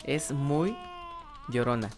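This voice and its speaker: Low-voiced woman narrating gameplay. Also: expressive, takes it slowly, darkish tone. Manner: rambling, many fillers and restarts; talks to viewers as "chicos". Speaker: gaming channel host. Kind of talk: casual gameplay commentary.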